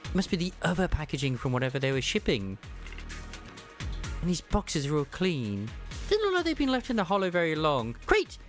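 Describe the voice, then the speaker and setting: A man's voice: fairly high pitch, very animated, brisk, soft background music, voice pushed up. A man reading an eager game sleuth.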